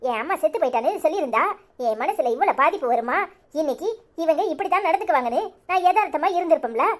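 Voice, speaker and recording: A woman's voice: sits high, expressive. Woman voicing a stubborn young wife in a cartoon. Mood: accusing. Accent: Tirunelveli Tamil. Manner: accusing, insistent, rapid-fire questions. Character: young married daughter, bitter and stubborn. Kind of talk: cartoon serial voice acting.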